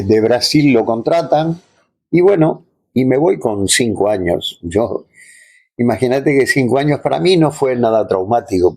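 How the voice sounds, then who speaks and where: Here a man with an Argentine accent tells personal stories casually during an interview, hunting for words at times and tagging on little check-ins. His voice sits in the mid range and is a little mellow.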